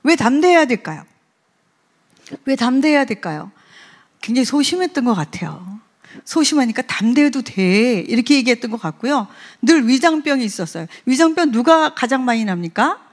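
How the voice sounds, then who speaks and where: A woman's voice: high-pitched, sing-song, brisk. A woman preaching a sermon in a conversational way, often putting questions to the congregation.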